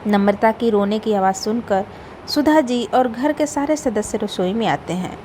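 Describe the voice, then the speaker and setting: A woman's voice: on the high side, normal speed, slight background noise, low-quality recording. Woman narrating a family storybook. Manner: steady storybook reading.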